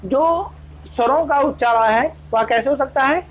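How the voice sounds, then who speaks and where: Lady teacher, kinda high voice, asks questions then answers them herself, faint hum behind. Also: a little slow, rough recording. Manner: addresses students as friends. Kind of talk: exam-prep grammar lesson.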